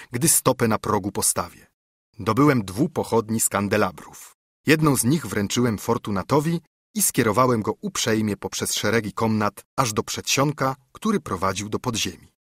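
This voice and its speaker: A man narrating an audiobook in a measured, formal way. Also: fairly low pitch, fairly bright tone, husky, dry recording, studio quality.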